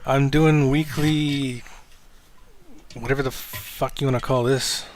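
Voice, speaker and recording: A man hosting a casual livestream chat, rambling and self-deprecating, swearing offhandedly in a low-key, fairly monotone way. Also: takes it slowly, slight background noise. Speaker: livestream host.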